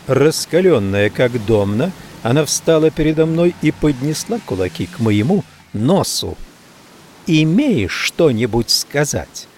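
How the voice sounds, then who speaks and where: Male audiobook narrator, noir, animated mid-pitch delivery, slight background hiss. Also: normal speed, hardly any pauses. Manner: lively, expressive reading with many character voices.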